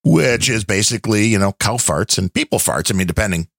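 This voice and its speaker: A man hosts a casual podcast chat at a middling pitch. His delivery is lively, with plenty of rise and fall, and it is recorded close and dry with no room sound. He builds loose, skeptical explanations as he talks. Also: fairly quick, gravelly, no echo. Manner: conversational, skeptical, wandering explanations. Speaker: podcast host.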